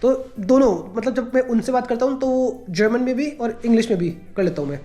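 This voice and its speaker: A man's voice: very high voice, expressive, a little fast, warm tone. A man from India chatting casually in a home vlog, rambling and leaning on a habitual filler phrase. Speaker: vlogger.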